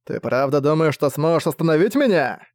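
A man's voice: on the high side, animated, a little fast, a little mellow, no room sound, clean studio sound, close to an everyday voice. A man voicing a proud, defiant older prince who commands a fleet, speaking in a haughty, scornful way.

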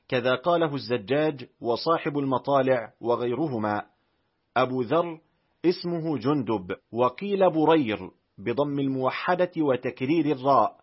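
Husky male reader, careful and measured. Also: medium pitch, lo-fi sound. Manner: measured, careful spelling-out of vowels and letters. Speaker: audiobook reader. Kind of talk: reading a classical Arabic reference text aloud.

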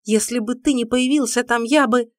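Young heroine pleading in a high, raised voice, indignant outbursts, voiced by a woman reader, dry close sound. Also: fairly even intonation, moderate pace, no echo, lightly acted. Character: young woman, orphan heroine, fiery and distraught.

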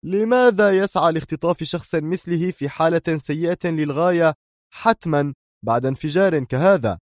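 Brief: man doing a bristling security director, storybook reading, high strained voice, dry booth sound. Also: normal speed, no room sound, natural voice. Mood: indignant. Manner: indignant, strained raised voice. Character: angry stern male security director.

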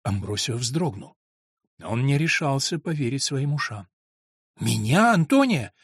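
A man narrating an audiobook in a dramatic, expressive reading, close to a studio mic. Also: mid-range voice, moderate pace, husky, no room sound.

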